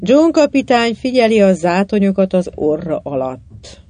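An audiobook narrator reading a children's adventure novel in an even storytelling manner. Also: medium pitch, no echo. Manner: even storytelling, lively in dialogue.

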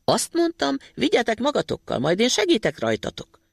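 A man voicing a tiny, mischievous boy in a storybook reading, shouting and teasing. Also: very high voice, huge pitch swings, gravelly, dry recording, clean studio sound, voice pushed up, heavily acted. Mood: eager.

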